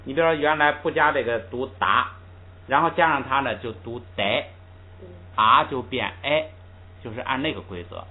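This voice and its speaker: Teacher, tinny lo-fi recording. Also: male voice, mid-range voice. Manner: patient, explains step by step and drills pronunciation aloud. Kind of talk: classroom language lesson. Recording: tinny lo-fi recording with faint hiss.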